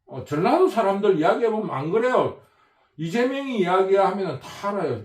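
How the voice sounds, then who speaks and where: A man rambles through an opinionated political monologue, circling back and repeating his points with force. His voice sits fairly high and swings widely in pitch. The recording is roomy, with a noticeable echo. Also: big pitch swings, brisk. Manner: emphatic, repetitive, rambling. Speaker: political commentator.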